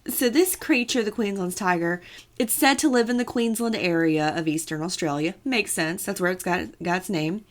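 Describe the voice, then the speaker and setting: A woman's voice: fairly low pitch, normal speed. A woman co-hosting a casual podcast, telling a story with playful asides and a chatty manner. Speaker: podcast co-host.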